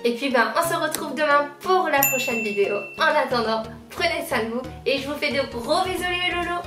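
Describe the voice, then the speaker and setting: A woman's voice: sits high, a little fast. Chatty young woman in a roomy echo. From La Réunion. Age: 20s. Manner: chatty, keeps repeating how much she likes things. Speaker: lifestyle vlogger. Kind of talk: casual back-to-school haul vlog. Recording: roomy sound, mic at a distance, faint background music.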